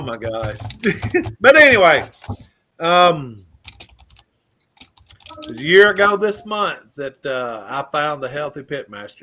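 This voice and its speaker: A man's voice: on the high side, a bit bright, a little hiss or hum. A man from Mississippi with a Southern accent, telling his story in a folksy, casual way. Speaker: guest sharing his story.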